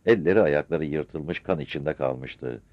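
A man's voice: a bass voice, unhurried, no echo. A man narrating a story expressively in a dull, dry old radio recording.

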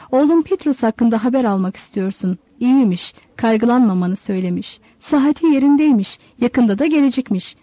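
A woman's voice: a little high, dark tone, no room sound. A woman voicing a crafty, bossy old male fisherman who sweet-talks and gives orders. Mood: sweet-talking. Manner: sly, bossy, sweet-talking.

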